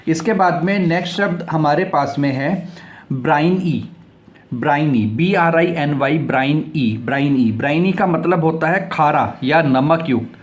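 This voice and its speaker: A man with a slightly raised pitch teaches English vocabulary in an explanatory way. He spells each word letter by letter, repeats it several times, and reads example sentences slowly. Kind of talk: vocabulary lesson.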